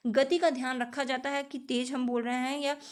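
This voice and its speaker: High-voiced woman teaching exam prep. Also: level tone, moderate pace. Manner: patient and repetitive, often addresses viewers as friends. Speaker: teacher preparing students for teaching exams. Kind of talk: exam-prep lesson explaining answers.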